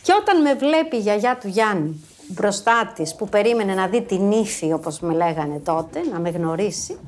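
A woman in her fifties, a former social worker, telling a personal story to an audience in a lively, animated way. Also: mid-range voice. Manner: lively, animated, acts out quoted voices.

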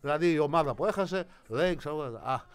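A man co-hosting a sports show with a fairly high voice that swings widely in pitch. He argues sarcastically, repeating his partner's words back to him in mocking disbelief. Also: big pitch swings. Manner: argumentative, sarcastic, repeats phrases for effect. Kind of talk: casual sports banter.

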